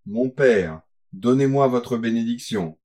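A man's voice: mid-range voice, slow, dark tone, close to an everyday voice. A man reading an audiobook, voicing a young nobleman who takes leave of his bride and her family, earnest and tender.

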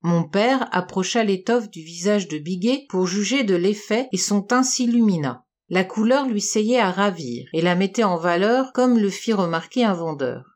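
A woman's voice: mid-range voice, expressive, normal speed, hardly any pauses, a little mellow. Woman reading a first-person novel. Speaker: audiobook reader. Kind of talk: first-person literary narration.

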